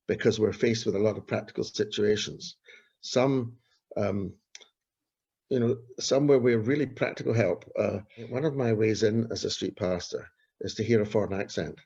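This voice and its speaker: Speaking at a moderate pace, a man with a lowish, darkish, slightly rough voice shares earnest stories as a street pastor being interviewed, coming back to his key phrases again and again. The recording is dull and lo-fi.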